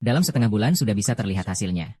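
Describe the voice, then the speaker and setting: Male dubber doing a young female healer, low plain voice, calm and instructive. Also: rapid-fire, no room sound.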